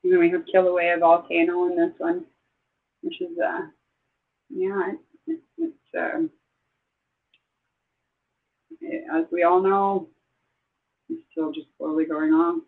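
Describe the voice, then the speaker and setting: An older woman from Southeast Idaho hosting a casual livestream chat, rambling and exclaiming as she gets excited. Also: on the low side, a little slow, vocal fry, long pauses. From Southeast Idaho, USA. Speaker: livestream host. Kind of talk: casual live-stream chat. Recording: tinny phone-like sound.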